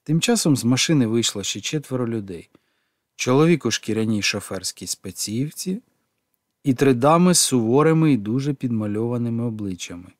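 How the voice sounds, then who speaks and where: A man narrates an audiobook with expressive, animated delivery. His pitch rises and falls in lively swings. The recording is dry and close. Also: brisk, no room sound.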